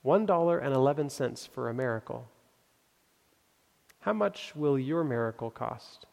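Gravelly preacher in a big hall. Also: male voice, mid-range voice, lively intonation, darkish tone. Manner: earnest, building, pauses for emphasis. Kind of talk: sermon with storytelling. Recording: long hall reverb.

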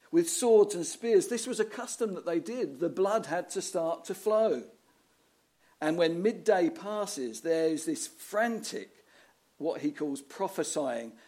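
Male preacher, raised-pitch voice, storytelling sermon delivery. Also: darkish tone. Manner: storytelling, rhetorical questions, dramatic reading of scripture.

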